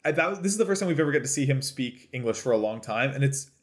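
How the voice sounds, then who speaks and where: A fast-talking man with a mid-range voice co-hosts a podcast, animatedly recapping a reality show in casual chat. He laughs often and keeps restarting his sentences.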